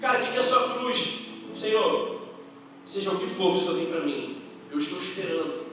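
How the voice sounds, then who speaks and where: A young Brazilian man preaching a youth service sermon in slangy, casual speech that builds to loud, impassioned delivery. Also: high voice, lively intonation, a little fast, a little hiss or hum. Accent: Brazilian Portuguese. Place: church hall. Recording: roomy church hall from far off, music behind.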